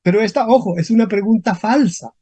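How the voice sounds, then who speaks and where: A teacher giving an online language lesson over a video call, speaking slowly, repeating example questions and often checking in with the class. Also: medium pitch, mellow, husky, no room sound. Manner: slow, repeats questions, frequent checking tags. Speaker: Spanish grammar teacher.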